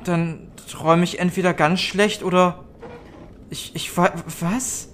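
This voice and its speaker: A jittery, suspicious man, acted by a male game master, high in pitch and stammering with agitation. It is tabletop role-play, with clear noise in the background. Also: steady tone, takes it slowly, a bit bright. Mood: startled. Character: frightened, suspicious man behind a locked door.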